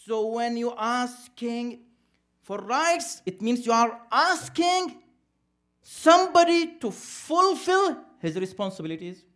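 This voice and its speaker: High, lively man lecturing emphatically. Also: slow. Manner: asks rhetorical questions and answers them himself; emphatic, preacherly. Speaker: speaker at an interfaith program. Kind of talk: lecture to a live audience. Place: community center event.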